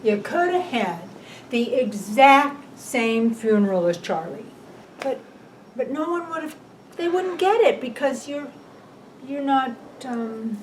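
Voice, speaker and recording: A wry, long-married wife who cuts her husband down with blunt, teasing remarks, played by an older woman. Her voice sits high and swoops widely, and she takes her time over each line. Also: expressive, slow, a little hiss or hum, low-quality recording. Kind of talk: film drama acting.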